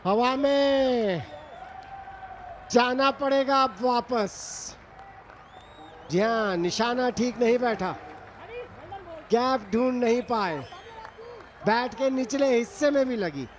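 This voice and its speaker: A man's voice: very high-pitched, slow, pauses often, a faint crowd. A man giving Hindi cricket commentary as a match commentator.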